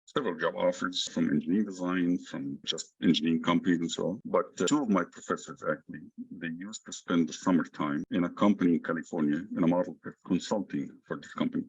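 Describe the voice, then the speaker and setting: A middle-aged man from Egypt, a podcast guest, explaining his career in a measured way with frequent restarts. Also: deep voice, slightly rough, muffled recording. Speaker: guest, engineering executive. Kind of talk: interview answers.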